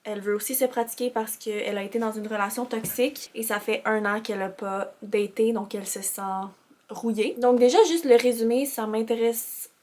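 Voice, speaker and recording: A young woman with a Québécois French accent talks through her reading in a relaxed vlog voice-over. Her voice sits a little high but stays fairly level in tone. She is candid and chatty, with a sore throat from an oncoming cold. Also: normal speed. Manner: chatty and candid, reviewing books. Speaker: book vlogger.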